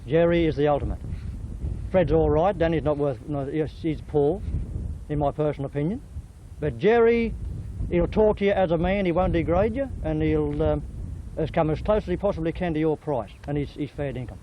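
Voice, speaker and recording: A man's voice: a little high, normal speed. Blunt older man, broad Australian accent. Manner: blunt, opinionated, emphatic, slangy. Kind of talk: casual chat. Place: casual group recording on amateur camera. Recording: dull lo-fi sound with light noise.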